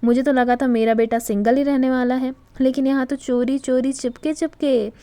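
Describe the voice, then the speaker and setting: A woman voicing a lively, quick-witted middle-aged wife and mother. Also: high voice, no room sound, close to an everyday voice. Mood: teasing.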